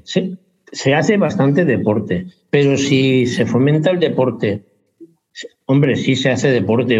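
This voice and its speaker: Man, hesitant rambling interview talk, self-correcting, mid pitch, muffled lo-fi recording. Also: darkish tone. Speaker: interviewee, basketball parent. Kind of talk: casual interview chat. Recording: dull lo-fi sound.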